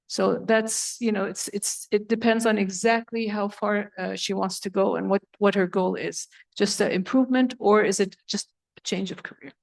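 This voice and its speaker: A woman's voice: medium pitch, fairly even intonation, normal speed, vocal fry. A woman on a conference panel, answering audience questions in a conversational, thinking-aloud way. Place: conference hall.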